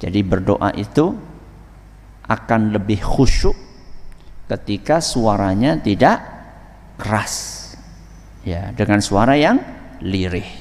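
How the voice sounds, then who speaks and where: A man with a Javanese accent preaching a sermon, asking the women in the audience questions and slowly reciting Arabic verses before explaining them. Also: lowish voice, very animated, darkish tone. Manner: asks the audience questions and waits for answers. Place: mosque. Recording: long reverb of a mosque hall.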